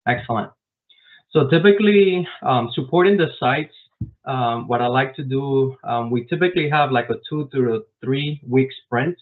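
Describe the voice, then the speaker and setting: Over a tinny, phone-like video call, a man who grew up in Miami, Florida answers interview questions about his job as a software developer. He speaks at normal speed in a mid-range voice, explaining step by step with frequent "um" fillers.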